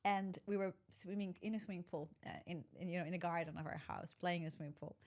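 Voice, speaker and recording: Talking fast in a fairly low, steady voice, a woman in her forties from Poland, with Polish as her first language, guests on a podcast as an executive coach in a conversational interview. She is reflective and searching, correcting herself often with soft laughs.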